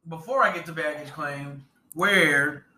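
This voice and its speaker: A man co-hosting a podcast, joking in an easygoing way and chiming in with quick agreement. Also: on the high side, background noise. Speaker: podcast co-host. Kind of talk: casual chat.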